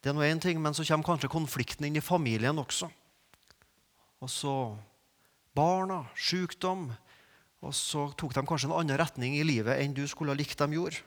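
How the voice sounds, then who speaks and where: A man preaching a sermon, moving from quiet reflection to emphatic, rising peaks. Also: a little high. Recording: long reverb of a large hall.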